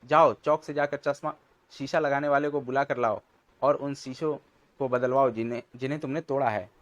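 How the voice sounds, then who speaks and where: A stern storybook father, as a man voices him, lecturing his boys in a firm, scolding voice of ordinary middle pitch. He sounds like an everyday dad laying down the law. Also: fairly even intonation, normal speed, muffled recording, natural voice.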